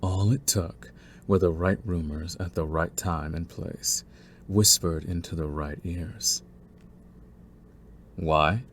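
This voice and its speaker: In a low voice, a man plays a young mafia heir in intimate, scripted ASMR roleplay, speaking smoothly and deliberately. Beneath his politeness runs a cunning, condescending streak, and the mood is cold and menacing.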